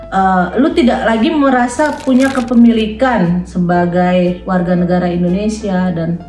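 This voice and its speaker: A woman hosts a relaxed talk show and quizzes her guests with a teasing, playful edge. Her voice sits at an ordinary pitch for a woman. The room rings with echo, and faint music plays behind her. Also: normal speed. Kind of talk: casual chat. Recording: echoey room.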